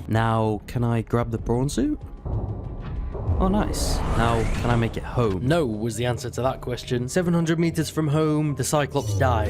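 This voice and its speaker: A young man narrating his gameplay as a scripted story with wry, understated asides. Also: mid-range voice. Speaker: gaming video creator. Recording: voice-over with music behind. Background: game music.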